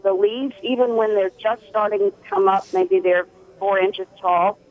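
Woman caller, speakerphone over a phone line, thin lo-fi sound, mid-pitched, hesitant. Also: moderate pace. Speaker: radio caller. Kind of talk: call-in radio question.

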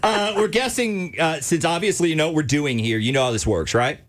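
A man's voice: a little high, brisk. A man hosting a radio call-in segment, playful and teasing, laughing often. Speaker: radio host.

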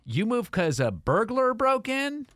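A man's voice: very high-pitched, wildly swooping pitch, measured pace, a bit bright, no echo, clean studio sound. Jokey man hosting a radio show. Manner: casual, jokey, laughs often. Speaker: radio host. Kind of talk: morning radio talk. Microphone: studio mic.

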